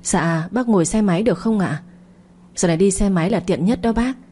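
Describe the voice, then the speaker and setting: A woman's voice: medium pitch, a little fast, warm tone, husky, close to an everyday voice. A woman voicing a scheming young woman who acts meek and polite, in an audio story reading. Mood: fake polite. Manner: falsely polite and meek, sly when alone. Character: scheming young woman, sweetly two-faced.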